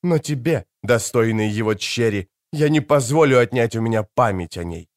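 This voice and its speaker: A cold, stern ancient elf, voiced by a male audiobook reader, calm and measured, warning in a hushed, low register. His lines keep a lively pitch even when quiet. The recording is close and dry. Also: dry recording, lightly acted. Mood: cold contempt. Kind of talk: audiobook character reading.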